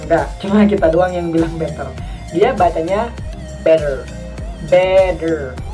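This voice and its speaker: A low, mellow-voiced woman with an Indonesian accent teaches English pronunciation in a relaxed, chatty video lesson. She repeats each example word slowly, drawing the sounds out. She sounds a little far from the mic, with faint music behind her.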